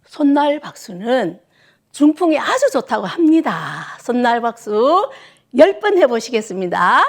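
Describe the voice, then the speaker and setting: A woman instructor leading older students through a clapping exercise class, cheerful and counting out loud with sharp shouts. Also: a little high, sing-song, a little slow, gravelly.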